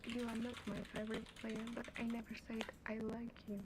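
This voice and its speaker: A woman's voice: a little high, completely flat delivery, fairly quick. A woman dealing on a live casino stream, speaking as she scolds a player playfully. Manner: non-native English, playful scolding. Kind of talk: casual chat on a live stream. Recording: loud background noise.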